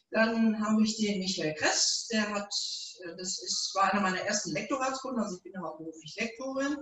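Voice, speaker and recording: A middle-aged woman, the author, hosts a reading and introduces the event casually with many fillers, her medium-pitched voice brisk and a bit bright. A far-off camera in a small indoor event room records her, leaving a roomy echo.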